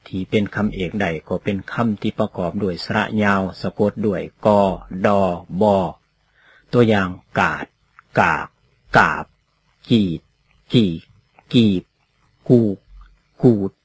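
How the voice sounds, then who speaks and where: A man giving a read-aloud lecture on poetry, slow and deliberate, sounding out example words one at a time. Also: on the low side, fairly even intonation, breathy edge. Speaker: teacher of poetry.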